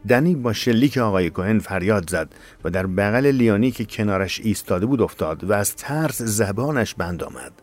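A man narrating a tense audiobook story in a steady, measured way. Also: on the low side. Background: faint music.

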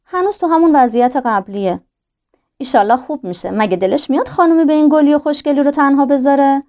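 An actress playing a polite, affectionate young nurse in a radio drama. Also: female voice, high-pitched, darkish tone. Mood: polite, warm. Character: young kind-hearted nurse.

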